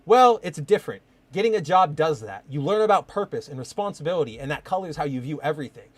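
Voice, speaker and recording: A man's voice: fairly high pitch, lively intonation, fast talker, no room sound. A man reading aloud the lines of a reflective older male newspaper editor from a comic, in his own plain voice.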